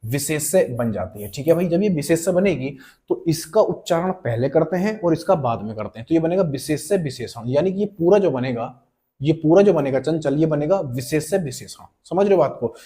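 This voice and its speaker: A man teaching an online exam-prep grammar lesson, talking to students like friends, checking that they follow and slowly repeating key words and example sentences. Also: a little high, expressive, dark tone. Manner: conversational and coaxing, checks in with students often.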